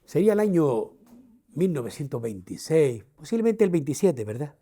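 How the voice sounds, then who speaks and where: A man's voice: fairly high pitch, moderate pace. A man with a Canarian accent playing a proud older Canarian man, telling his own life story straight to a touring audience. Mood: proud storytelling. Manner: lively storyteller, addresses listeners directly. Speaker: actor on a theatrical walking tour. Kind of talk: theatrical first-person storytelling.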